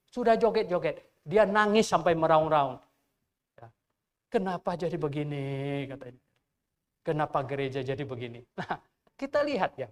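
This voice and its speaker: An older man, a pastor, preaching a Sunday sermon in church in a conversational, storytelling way full of rhetorical questions. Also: high-pitched. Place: church during a Sunday service.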